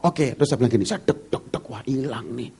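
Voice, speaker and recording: A male pastor preaching at a church service, telling humorous stories and acting out the dialogue in a lively way. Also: mid-range voice, fast talker, slightly rough. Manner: lively storyteller who acts out dialogue. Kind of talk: humorous sermon storytelling.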